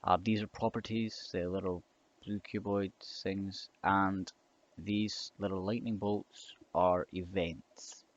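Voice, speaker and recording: A young man talks through a coding tutorial in an unhurried, low-pitched voice, stumbling over fillers and restarting his sentences. The recording is dull and lo-fi, with keyboard typing and mouse clicks underneath. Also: flat delivery. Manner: hesitant, rambling with many fillers and restarts. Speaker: scripting tutor.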